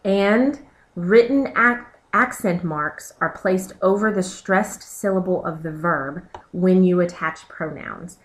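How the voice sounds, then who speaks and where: Methodical woman teacher, slightly low voice. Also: slow pace. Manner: clear, methodical explaining with pointers to the slides. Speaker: Spanish teacher. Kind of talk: recorded slideshow lesson.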